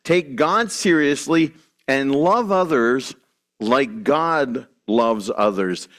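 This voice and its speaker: A man's voice: medium pitch, slow, fairly bright tone. A man preaching a sermon to his congregation, earnest and emphatic, with restarts and asides. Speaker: pastor.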